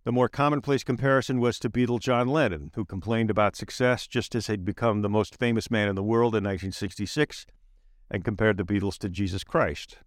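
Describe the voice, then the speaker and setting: A man's voice: fairly low pitch, fairly even intonation, a little fast, no room sound. Man reading his essay, dry close sound. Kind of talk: scripted essay narration.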